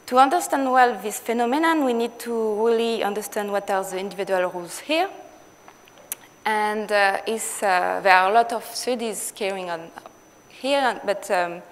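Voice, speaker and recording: French-accented woman speaking in a lecture hall. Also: mid-range voice. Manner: halting, many fillers and restarts. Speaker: conference speaker. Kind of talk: scientific conference talk. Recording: long hall reverb with faint noise.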